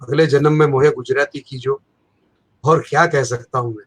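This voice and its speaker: A man's voice: mid-range voice, steady tone, moderate pace, fairly bright tone, slightly rough. A middle-aged man, an event anchor telling stories with self-deprecating humor in casual chat.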